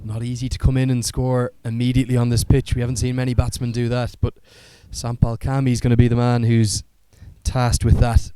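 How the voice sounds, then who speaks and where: A male cricket commentator calls live play in an articulate, fluent broadcast style. His voice is smooth and fairly dark, with an even pitch that stays controlled. He speaks like a practised play-by-play caller. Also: brisk, few pauses, no echo.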